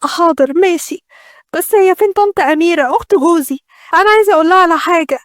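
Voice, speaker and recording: A woman's voice: very high voice, rapid-fire, a little mellow, dry recording, clean studio sound, voice pushed up. A woman with an Egyptian accent voicing a frightened young bride who pleads in a raised voice. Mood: pleading. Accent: Egyptian Arabic. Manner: pleading, fearful.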